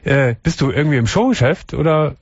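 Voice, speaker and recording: A man's voice: a little high, animated, a little fast, slightly rough, no echo. A man hosting a late-night call-in radio show, asking callers friendly, direct questions. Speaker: radio talk show host. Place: radio studio. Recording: dull, lo-fi radio broadcast.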